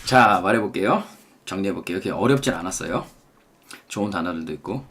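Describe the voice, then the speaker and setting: Korean-accented male English tutor, lowish voice, slow deliberate drills. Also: animated, fairly bright tone, husky. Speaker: English teacher. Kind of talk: language lesson.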